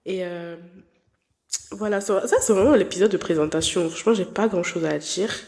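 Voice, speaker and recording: A gravelly, lowish, slightly mellow woman's voice at normal speed hosts a podcast. She's in her twenties and speaks French as a non-native, keeping the personal chat casual, candid and playful, with fillers and restarts throughout.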